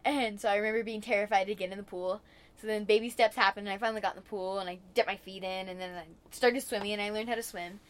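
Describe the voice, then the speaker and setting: A young woman talks easily about her life in a casual interview. Her voice sits at a middle pitch, and she talks in a chatty, rambling way with plenty of filler words. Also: fairly even intonation, fast. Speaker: interviewee, kayaker.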